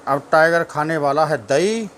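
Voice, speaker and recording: A man's voice: fairly high pitch, normal speed, a bit bright, a little hiss or hum. A man chatting casually at home, narrating his pet dog's antics and talking fondly to the dog.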